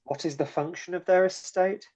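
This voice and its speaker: A man's voice: high-pitched, fairly even intonation, normal speed, darkish tone. A man playing a tabletop game, casually discussing plans and restating himself as he reasons aloud, on a slightly dull recording. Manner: repeats and restates words while reasoning aloud.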